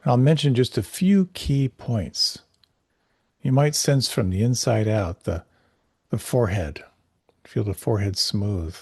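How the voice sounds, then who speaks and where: A man teaching a guided meditation class, giving gentle, unhurried, soothing instructions with pauses. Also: medium pitch, lively intonation, breathy edge, no room sound, clean studio sound.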